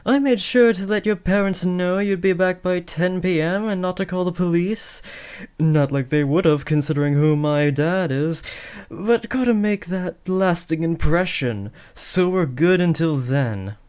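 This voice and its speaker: Speaking to the listener in a scripted roleplay, a young man uses a high, smooth, slightly mellow voice at a measured pace. He plays a teenage son of a villain who pretends to kidnap someone, boasting and taunting dramatically before sliding into awkward, sheepish casualness.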